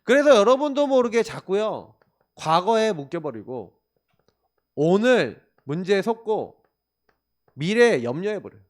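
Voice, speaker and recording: A male pastor preaching in a high voice that swoops up and down. He talks with the congregation and throws them rhetorical questions. His delivery is emphatic and conversational. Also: very animated, unhurried, pauses often. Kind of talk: sermon. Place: church.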